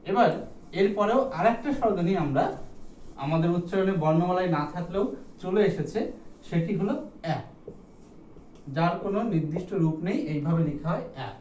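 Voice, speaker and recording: A man's voice: high voice, fairly quick, pauses often, darkish tone, a little hiss or hum. A male teacher giving a classroom lecture, counting items aloud and asking the class questions. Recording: echoey room, distant mic, dull sound.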